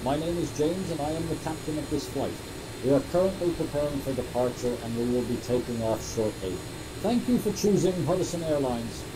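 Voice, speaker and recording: A man's voice: a little high, brisk, background noise. A man's AI-cloned voice giving a formal captain's announcement over the cabin PA. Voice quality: smooth synthetic cloned voice. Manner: formal, even announcer delivery. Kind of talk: scripted in-flight announcement.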